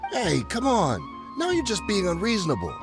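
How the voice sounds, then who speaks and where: An actor voicing a shifty, nervous smuggler in a video game, with a wheedling, evasive, excitable way of talking. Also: male voice, high-pitched, normal speed, music in the background, full character voice. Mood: grudging. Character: shifty, nervous, bargaining male smuggler and ex-mercenary.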